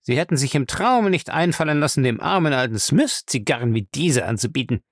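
A man's voice: on the high side, big pitch swings, brisk, vocal fry, dry recording, studio quality, pitched above the performer's own voice. A man voicing a brash, surly professional thief who talks back with cheeky mockery. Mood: insolent. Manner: cheeky, mocking, raised voice.

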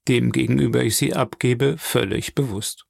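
A man reading an audiobook, voicing a grave, deliberate physician. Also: medium pitch, steady tone, gravelly, no echo, clean studio sound. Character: grave, measured male physician.

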